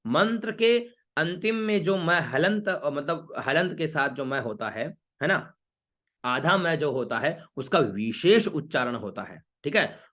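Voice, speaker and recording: A man teaching Vedic mantra pronunciation in an online class, breaking words into syllables and then chanting each phrase slowly. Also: fairly high pitch, animated, a bit bright.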